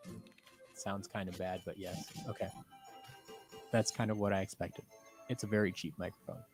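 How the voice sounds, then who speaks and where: A man's voice: low voice, steady tone, normal speed, faint music behind. A man chatting casually on a live stream, his voice muffled and underwater-sounding through a cheap microphone.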